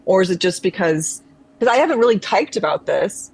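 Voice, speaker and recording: Her mid-range voice is husky and expressive, moving briskly through a low-quality recording. She is a conservatory-trained actress speaking as a video-call guest in a reflective chat, thoughtful and meandering, often restarting.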